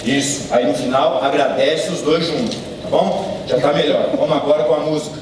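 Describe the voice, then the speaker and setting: A man's voice: a little high, steady tone, brisk, lightly acted. A male actor playing an eager, pushy rural father with a Brazilian accent, coaxing urgently in a stage musical. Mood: bossy coaching. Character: eager, pushy rural father coaching his young singing sons. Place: large indoor theatre stage. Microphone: distant audience camera. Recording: echoey theatre, distant mic, noisy.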